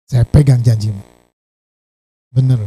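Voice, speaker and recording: A man's voice: mid-range voice, fairly even intonation, measured pace, dark tone, slightly rough, rough recording. A male pastor preaching a sermon in a storytelling way. He repeats phrases and asks the congregation rhetorical questions.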